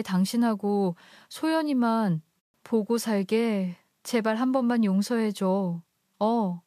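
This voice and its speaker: A woman's voice: mid-range voice, warm tone, no echo, clean studio sound, natural voice. A woman voicing a desperate, self-pitying young wife who pleads and clings in a storybook narration.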